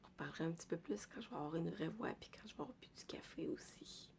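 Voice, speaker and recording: Hushed Québécois French woman, groggy morning voice. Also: lively intonation, fast talker. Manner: hushed, low-energy, half whispered. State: morning voice at the end of a cold. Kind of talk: casual family vlog.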